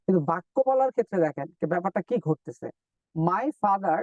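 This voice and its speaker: Male English teacher, high voice, distant dull mic, dry sound; patient step-by-step drills. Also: expressive, dry recording. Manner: explains step by step, repeats drill words slowly. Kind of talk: live online lesson.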